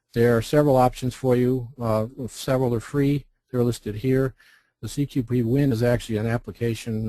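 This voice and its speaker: In a low-quality, dry recording, an American man with a medium-pitched, dark-toned voice presents informal instructions for a contest. His method is to raise a question and then answer it.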